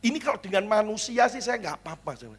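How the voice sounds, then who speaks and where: A middle-aged pastor preaching a sermon in a church, swinging between loud exclamations and quiet, chatty asides, acting out little dialogues. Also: male voice, high voice, animated, fast, breathy edge.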